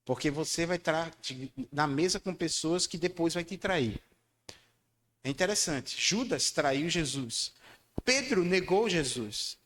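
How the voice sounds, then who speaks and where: Male pastor, higher voice, emphatic sermon, echoing church hall. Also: animated, unhurried, slight background noise. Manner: emphatic, calls for congregation responses; swings between loud high declarations and low quiet lines. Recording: long church hall reverb.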